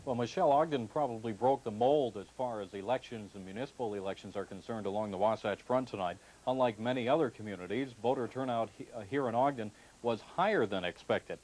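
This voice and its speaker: A man's voice: medium pitch, brisk, darkish tone, a little hiss or hum, low-quality recording. A man delivering a live news report from a regional newsroom in a formal tone. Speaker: field reporter.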